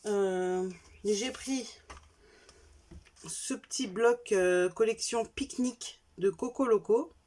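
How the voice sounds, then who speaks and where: A woman's voice: medium pitch, slow pace, long pauses, a little mellow. A woman with a French accent, chatting casually as she shows her craft purchases one by one, correcting herself as she goes. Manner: chatty, self-correcting, lists items one by one. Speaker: craft vlogger showing purchases. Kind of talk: casual show-and-tell haul.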